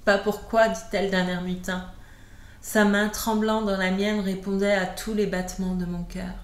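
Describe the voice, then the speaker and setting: A woman reading a classic novel aloud in a measured, even storytelling voice. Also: mid-range voice. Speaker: audiobook reader. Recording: roomy echo.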